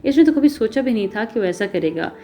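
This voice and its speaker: A woman narrating an episodic novel in a steady storytelling manner. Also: fairly high pitch, soft background music.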